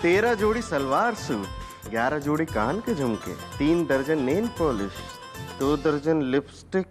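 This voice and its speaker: Sarcastic sitcom husband with lilt. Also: male voice, fairly high pitch, very animated, unhurried. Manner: sarcastic, bickering, teasing. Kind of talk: sitcom acting. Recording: TV sitcom with loud music bed.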